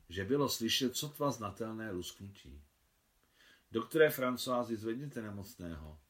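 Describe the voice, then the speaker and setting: A man reading his own translation of a novel aloud, in calm storytelling. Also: fairly low pitch. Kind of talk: literary reading.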